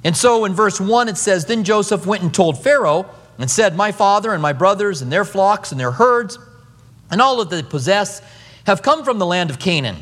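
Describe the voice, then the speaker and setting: A man's voice: high-pitched, normal speed. A man in his fifties preaching a conversational sermon, acting out the quotes he tells. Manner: animated, conversational, acts out quotes. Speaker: pastor. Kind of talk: expository sermon. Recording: long hall reverb.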